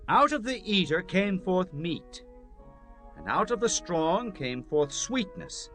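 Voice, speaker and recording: Bible drama strongman, proud and headstrong male actor; highish, animated, commanding delivery over faint music. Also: takes it slowly, full character voice. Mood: challenging, boastful. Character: headstrong, proud young strongman of ancient Israel. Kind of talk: dramatized scripture acting.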